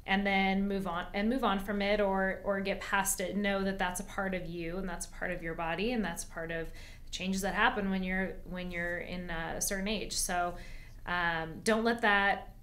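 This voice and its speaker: A woman's voice: medium pitch, fairly even intonation, normal speed, fairly bright tone. A woman on a podcast giving earnest, encouraging advice and repeating phrases as she goes.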